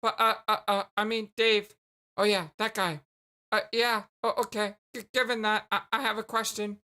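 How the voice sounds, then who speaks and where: A woman's voice: medium pitch, bright, forceful tone, close to an everyday voice. Woman putting on a stammering, timid young troll. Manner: stammering, halting, hesitant. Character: timid, flustered, awkward young male alien troll.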